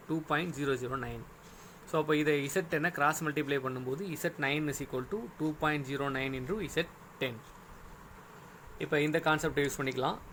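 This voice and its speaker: Guy teaching an engineering class step by step, words, bit high voiced, faint hum. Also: fairly bright tone. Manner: patient, step-by-step, often checks "okay?". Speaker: engineering lecturer. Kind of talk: recorded classroom lecture.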